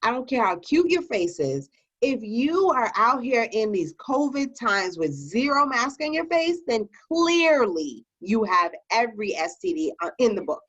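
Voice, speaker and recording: A woman's voice: a little high, sing-song, a little slow, fairly bright tone, breathy edge. A tipsy woman host rambling through a casual rant, playfully mimicking the way other people talk. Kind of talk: casual ranting chat. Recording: dull lo-fi audio.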